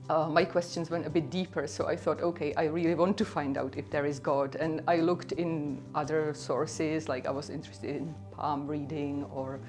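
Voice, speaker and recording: Low-voiced woman with a Czech accent. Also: darkish tone. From Czech Republic. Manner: earnest, conversational, many "like" and "you know" fillers. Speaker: speaker sharing her faith story. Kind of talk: personal testimony to camera.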